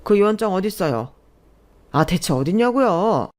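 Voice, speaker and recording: A woman's voice: medium pitch, sing-song, moderate pace, a little mellow, natural voice. A woman doing greedy, pushy grown brothers. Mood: demanding. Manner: pushy, accusing. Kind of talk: scripted radio story reading.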